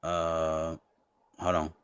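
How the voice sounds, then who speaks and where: A man giving casual, fast-talking commentary on stocks and crypto, excitable and stumbling over restarts. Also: very deep voice, clear, resonant tone, dry recording. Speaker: finance YouTuber.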